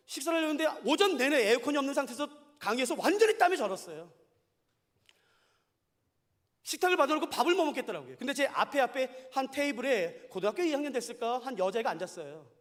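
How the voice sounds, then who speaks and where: A male pastor preaching a sermon with passion, acting out dialogues with sudden loud outbursts and quiet asides. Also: extremely high pitch. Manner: impassioned, acts out dialogues with sudden loud bursts and hushed asides. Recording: long hall reverb.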